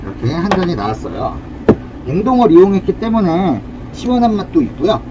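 A man with a fairly high and very lively voice walks through a cafe drink recipe, explaining each step politely. He stands at a cafe counter and talks to a camera set on the counter. Traffic noise comes through clearly behind him. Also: a little fast, lo-fi sound. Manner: friendly, explanatory, uses polite speech. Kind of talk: casual cooking demonstration.

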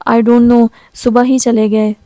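A woman's voice: a little high, flat delivery, takes it slowly, dark tone, dry recording. A woman reading the lines of a drowsy, offhand young man speaking over a base camp radio in an audio novel.

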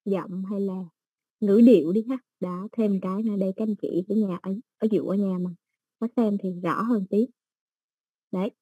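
A woman teaching an English exam-prep lesson, explaining slowly with everyday examples and many fillers. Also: mid-range voice, fairly even intonation, slightly rough, no echo, phone-quality sound.

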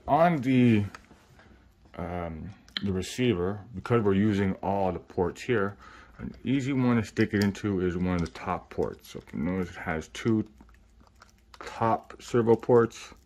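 Speaking at a measured pace with a fairly low, slightly mellow voice, the host offers informal step-by-step RC instructions from his indoor workbench. His face is swollen after surgery, so he sounds slightly muffled, and a little hiss or hum sits under the audio.

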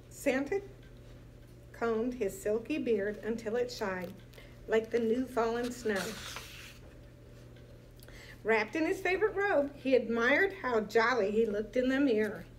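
A woman reading a children's picture book aloud in a lively, expressive way with playful emphasis. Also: a little high, slight background noise. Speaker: storyteller.

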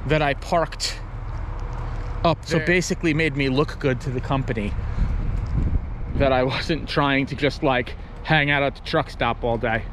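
A trucker in his forties, with a medium-pitched voice at normal speed, rambles easily in a casual vlog, holding the camera at arm's length and using lots of fillers. He starts outdoors at a truck stop, then moves into his truck cab, and the background is noisy.

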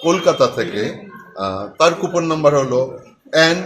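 High-pitched man announcing prize winners. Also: expressive, noisy background. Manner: measured announcer delivery, names and numbers read out in short deliberate phrases. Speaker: company managing director announcing prize winners.

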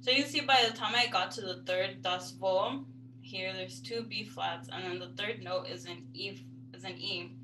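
A woman's voice: mid-range voice, moderate pace, noisy background. A young woman, a music student, giving an academic presentation and explaining a score step by step. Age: young adult. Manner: explanatory, walking through a score.

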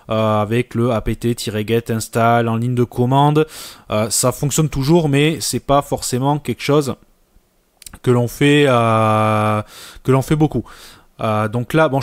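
A man presenting a casual computer tutorial over a screen recording, relaxed and full of hesitations. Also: medium pitch, no echo. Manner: relaxed, many filler hesitations.

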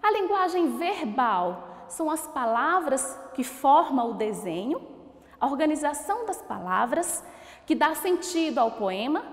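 A Brazilian woman teaching young pupils, her high voice rising and falling a lot as she asks questions and praises answers. She talks slowly, drawing out each syllable of a word. The recording sits in a room with a long, roomy reverb. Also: big pitch swings. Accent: Brazilian Portuguese. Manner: slow, drawn-out syllable-by-syllable word pronunciation. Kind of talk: recorded school lesson for children.

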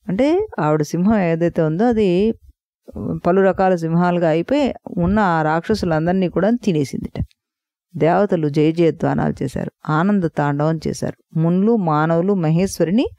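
A woman's voice: lowish voice, dark tone, dry recording. A woman narrating a mythology audiobook, explaining old words in plain speech as she goes. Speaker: storyteller.

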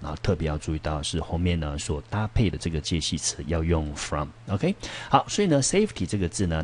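A man teaching English vocabulary in Taiwanese Mandarin, explaining words with animated emphasis and frequent fillers. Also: slight background noise. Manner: animated, with sudden high-pitched emphasis and frequent "so then" fillers.

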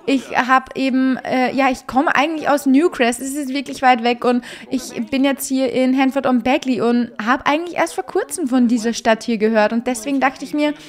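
A woman voicing Enola, an excitable, horse-crazy young Sims girl who gushes eagerly. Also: high voice, normal speed, few pauses, lightly acted. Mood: excited.

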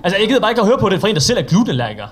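A man's voice: high-pitched, big pitch swings. A young man with a Danish accent performing a stand-up set at an open mic, telling stories in a chatty, self-mocking way and acting out the people in them. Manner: chatty, self-mocking storytelling with quoted voices. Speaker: stand-up comedian.

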